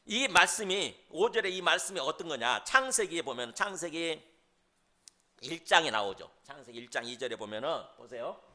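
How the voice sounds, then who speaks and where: Male pastor, conversational sermon delivery, high and animated pitch, throws out rhetorical questions. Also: normal speed. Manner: mimics scoffers in mocking asides.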